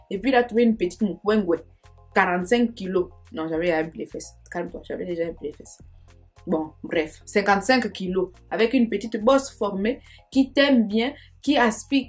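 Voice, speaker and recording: A young woman with a mid-range, slightly dark voice tells a personal story vlog-style. She's chatty and wanders off on tangents, dropping sayings and asides along the way in a casual storytime monologue.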